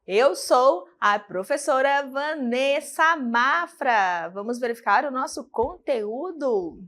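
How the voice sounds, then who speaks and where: Female teacher from Brazil, high pitch, didactic and patient, recorded lesson delivery. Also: expressive, slow pace, a bit bright. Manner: didactic, asks and answers her own questions.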